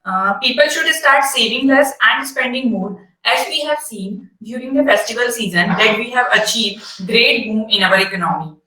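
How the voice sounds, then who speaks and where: Young indian woman, super slow and bright, far off on a roomy call. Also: on the high side. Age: young adult. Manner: hesitant, many fillers. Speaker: MBA student. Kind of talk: prepared panel remarks. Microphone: video call. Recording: distant roomy video call audio.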